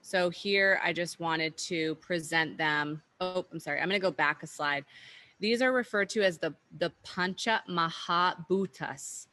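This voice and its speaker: A woman's voice: lowish voice, unhurried, pushed and bright. A woman teaching an online workshop, explaining at an easygoing pace with frequent fillers and restarts, over a video call.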